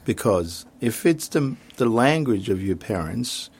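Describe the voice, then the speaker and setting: This Congolese interview guest, a middle-aged man from the DRC who grew up speaking French and Swahili, talks reflectively and haltingly as he searches for words. His lowish voice is husky and a little mellow, somewhat slow, with lively intonation.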